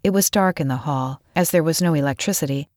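Low-voiced woman narrating a storybook. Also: no echo, clean studio sound. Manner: expressive, measured.

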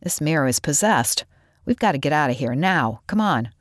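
Brief: woman voicing nervous storybook boy, low and anxious, dry close mic. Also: expressive, normal speed, no room sound. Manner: anxious, pleading. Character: jumpy nervous boy, easily scared.

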